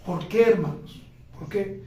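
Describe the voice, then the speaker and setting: A man's voice: high-pitched, measured pace, darkish tone, a little hiss or hum. A Colombian man preaching a sermon as pastor, fervently calling out to the brethren. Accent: Colombian Spanish. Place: church hall. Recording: echoey church hall, mic from a distance.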